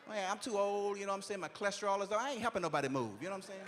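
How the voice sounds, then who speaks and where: Performing stand-up on a church stage, a man in his forties speaks in a high, animated voice at a racing clip, with background noise behind him. He drawls in a loose, chatty, streetwise way and keeps saying "you know what I'm saying."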